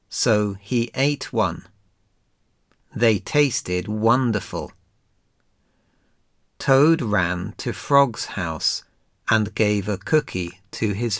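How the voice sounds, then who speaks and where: A man reading a children's story aloud in a slow, gentle, deliberate way. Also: on the low side, no echo, clean studio sound.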